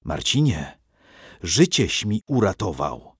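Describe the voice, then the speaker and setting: A stern medieval knight speaks low and commanding, clipped and fatherly, as a male narrator puts him on. The read is dry and close, with a slightly husky edge. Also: big pitch swings, takes it slowly, no room sound, exaggerated voice.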